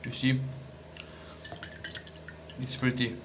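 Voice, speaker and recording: A young man talks at a middle pitch in a loose, joking way, stumbling and restarting as he reviews food. A faint hiss sits under his voice. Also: level tone, extremely slow. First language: Croatian. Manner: chatty, joking, restarts and hesitations. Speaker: ration reviewer. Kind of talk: casual food review vlog.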